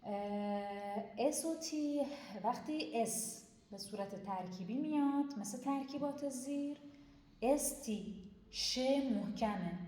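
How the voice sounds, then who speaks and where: A woman teaching a pronunciation lesson who explains each rule, then slowly sounds out example words, with quick asides about running short on time. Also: a little high, dark tone. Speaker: German language teacher. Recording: roomy echo.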